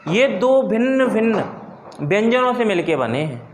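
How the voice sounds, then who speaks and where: A man's voice: high voice, very animated, moderate pace, a little hiss or hum. A man teaching a Hindi lesson, asking the class questions and answering them himself, repeating key terms. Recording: echoey room.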